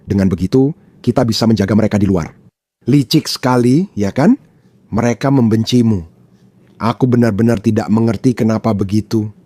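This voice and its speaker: A man from Pakistan delivers pointed commentary in a mellow, relaxed tone. He stresses his points by repeating them, and the dry recording has no room sound. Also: fairly low pitch, moderate pace, dry recording. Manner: emphatic, repeats points for effect. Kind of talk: opinionated commentary.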